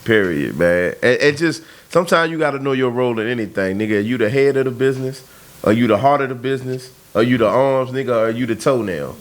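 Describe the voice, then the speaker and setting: A man's voice: mid-range voice, animated, fast. A man in his thirties, talking bluntly and emphatically in a casual conversation. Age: 30s. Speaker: podcast host.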